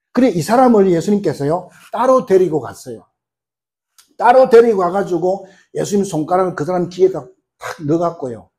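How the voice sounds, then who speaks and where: A middle-aged man preaches a sermon with plenty of rhetorical questions and quick acted-out quotes. His voice sits a little high for a man, but the tone is mellow and warm. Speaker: pastor.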